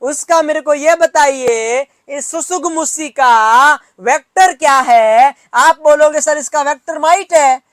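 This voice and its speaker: A man's voice: very high-pitched, slow pace, few pauses, a bit bright, dry recording. A man from Rajasthan teaching a nursing exam class in mixed with English terms, drilling students with repeated questions and teasing them. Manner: mixes Hindi with English terms. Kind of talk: classroom lecture.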